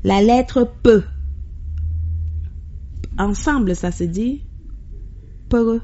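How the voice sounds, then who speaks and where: Leading a radio language lesson, a female host speaks slowly and carefully, repeating words back to get the pronunciation right. Her mid-range, darkish voice is animated. It comes through with a dull, lo-fi radio sound.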